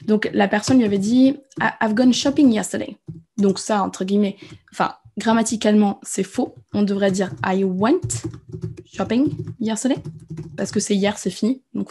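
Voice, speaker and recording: A woman's voice: mid-range voice, warm tone, a little hiss or hum. A young adult woman teaching an English lesson live, chatty and encouraging. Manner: casual, encouraging, chatty explanations.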